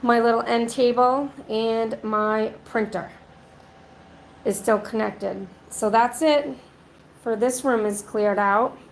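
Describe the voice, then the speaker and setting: Hosting a casual livestream vlog with a New England accent, a woman sounds raspy from being sick, her somewhat high voice fairly even in intonation. She talks slowly and hesitantly with many ums, walking through a half-packed apartment, listing items room by room, and reading viewer comments aloud. Road noise runs in the background.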